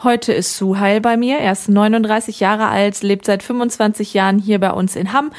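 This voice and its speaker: Woman, radio host, interview, clear friendly delivery. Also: mid-range voice, fairly even intonation, normal speed.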